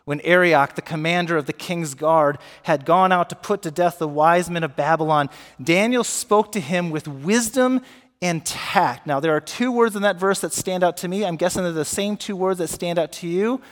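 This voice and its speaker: A man preaching a sermon as pastor, animated and often asking his congregation questions. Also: high-pitched, moderate pace, long reverb tail. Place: church sanctuary.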